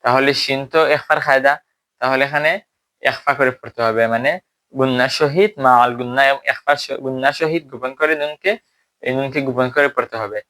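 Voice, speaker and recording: Bright-voiced man teaching recitation. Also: medium pitch, fairly even intonation. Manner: explains step by step and checks understanding with questions; slowly models drawn-out recitation examples. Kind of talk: explanatory Tajweed lesson.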